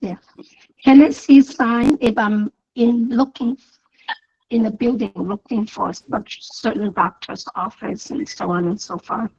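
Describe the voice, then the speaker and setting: A woman asking questions in a webinar, halting and searching for words. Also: on the high side, fairly even intonation, darkish tone, breathy edge, lo-fi sound.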